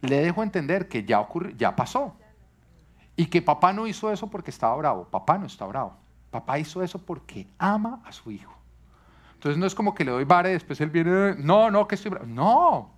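Before a live congregation, a man with a slightly high, sing-song voice preaches on parenting at a quick pace. He teaches earnestly and asks his listeners rhetorical questions.

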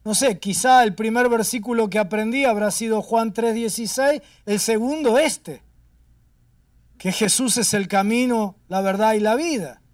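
Pastor preaching from a distance. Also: male voice, high voice, moderate pace, no room sound, clean studio sound. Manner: emphatic, swinging between raised and hushed delivery. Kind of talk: storytelling sermon.

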